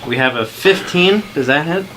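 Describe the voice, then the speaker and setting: A man's voice: on the high side, expressive, moderate pace. A man chatting casually as a player in a tabletop game. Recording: noisy room with table clicks.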